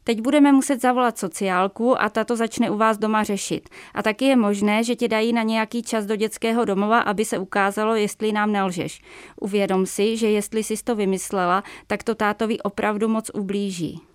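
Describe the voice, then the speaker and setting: A woman's voice: medium pitch, fairly even intonation, smooth, no echo, studio quality, close to an everyday voice. A woman voicing a strict female biology teacher who lectures a pupil in a stern, admonishing tone.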